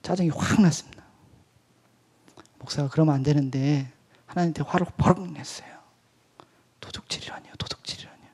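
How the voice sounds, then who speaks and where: A male pastor and missionary giving a testimony at an evening church service, swinging between loud outbursts and hushed whispers. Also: a little high, brisk, pauses often, slightly rough. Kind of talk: sermon testimony.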